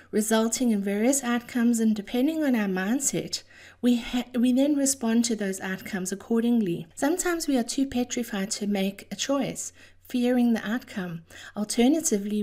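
A woman hosting an encouragement podcast, reading a scripted motivational monologue in a measured, deliberate way with affectionate, slightly theatrical emphasis. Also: fairly high pitch, warm tone. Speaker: host of a daily encouragement podcast.

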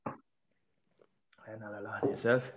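A man's voice: fairly low pitch, little pitch movement, measured pace, a bit bright. A man with an Irish accent hosting a podcast in casual, colloquial chat with plenty of swearing. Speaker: podcast host.

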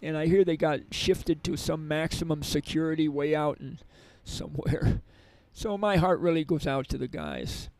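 A man's voice: a little high, lively intonation, moderate pace, hardly any pauses, darkish tone, slight background noise, rough recording. A middle-aged man who teaches yoga and meditation in prisons, telling stories in a rambling way with many restarts. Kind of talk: conversational storytelling interview.

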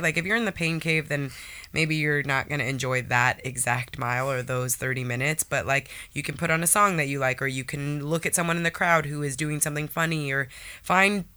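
A man with a bright, clear tone, a little nasal and sniffly from a cold. He talks in a chatty, upbeat way as a podcast co-host giving tips. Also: fairly high pitch, fairly quick. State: stuffy nose from a cold. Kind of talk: casual chat.

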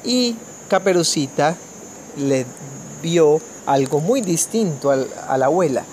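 Colombian guy reading a kids fairy tale to the family, slightly high voice, soft, crickets chirping faintly behind. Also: expressive, a little hiss or hum. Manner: gentle, measured storytelling with small restarts. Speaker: family storyteller.

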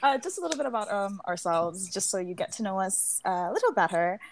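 A woman's voice: mid-range voice, lively intonation, fast talker, vocal fry. A young woman from Guyana with a Guyanese accent, hosting a casual podcast, talking with frequent hesitations and fillers. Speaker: podcast host. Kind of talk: casual chat.

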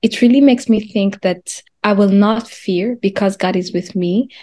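A young woman from Rwanda, a podcast guest sharing her faith story in a soft, reflective way. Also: mid-range voice, normal speed. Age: young adult. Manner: soft-spoken, reflective, uses "like" and "you know". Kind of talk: interview testimony.

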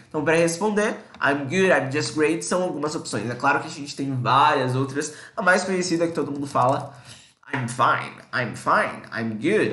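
A man with a Brazilian accent teaching English in a casual lesson, explaining in Portuguese and saying English phrases slowly. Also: fairly high pitch, sharp tone, reverberant.

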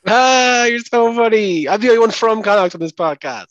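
A man with a Dublin accent and a fairly high-pitched voice. He speaks casually as a panellist on a podcast, with a teasing, bantering manner. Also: lively intonation, moderate pace, fairly bright tone, highs cut off. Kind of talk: casual chat.

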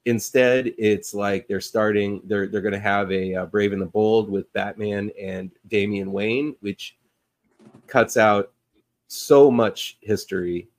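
A man with a fairly low voice talks casually on a podcast. He rambles and circles back on himself, filling the pauses with ums and likes. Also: fairly even intonation. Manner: rambling, many fillers and restarts. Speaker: podcast co-host. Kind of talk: casual chat about comic book movies.

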